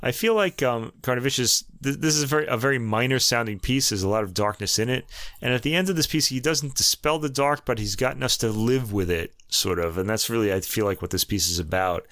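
A man's voice: medium pitch, a little fast, fairly bright tone, no echo, studio quality. Man with a New York accent. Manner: conversational, many fillers and restarts. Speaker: music review podcast host. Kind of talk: casual music commentary.

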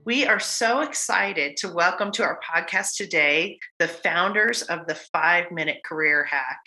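A woman's voice: fairly low pitch, a little slow, pushed and bright, faint music behind, low-quality recording. A woman hosting a podcast, introducing her guests in an enthusiastic, emphatic way. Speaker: podcast host.

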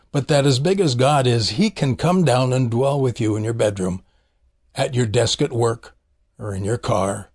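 Male preacher, middle-aged or older, mid-range voice. Devotional monologue and reading, earnest, deliberate, emphatic. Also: mid-range voice. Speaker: preacher and podcast host.

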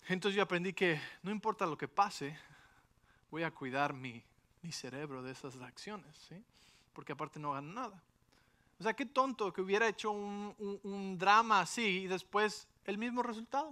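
A middle-aged man, a pastor telling a personal story in a sermon and checking in with his listeners often. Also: fairly high pitch. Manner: animated storytelling with frequent rhetorical asides.

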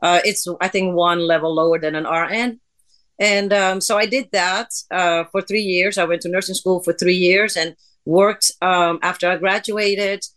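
A woman's voice: on the low side, fairly even intonation, normal speed, a bit bright. A woman from the Netherlands, a guest on an interview podcast, telling her story in a chatty way with fillers. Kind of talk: casual interview.

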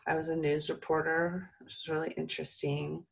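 A woman's voice: low voice, little pitch movement, fairly quick, vocal fry, low-quality recording. A woman leading a guided meditation in an informal, soothing, encouraging way, with chatty asides.

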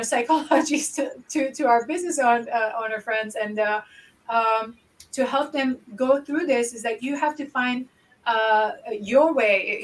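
A woman from Lebanon talks business on a podcast in a lively, casual way, often repeating words for emphasis. Her voice sits a bit high, and she sounds a little distant from the microphone. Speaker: podcast co-host.

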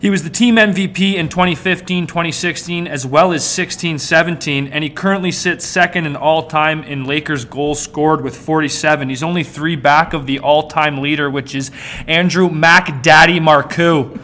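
Bright-voiced, jokey young male podcast host. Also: on the high side, steady tone, moderate pace, few pauses, slight background noise. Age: 20s. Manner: jokey, teasing. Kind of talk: casual podcast chat.

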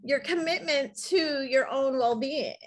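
High-voiced woman co-hosting a podcast. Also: unhurried. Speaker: podcast co-host. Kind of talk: casual chat.

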